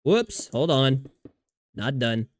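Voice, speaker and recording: Streaming a video game, this man rambles through casual chat with viewers, cursing a lot and frequently starting sentences over. His mid-range voice is animated, though his pace stays slow.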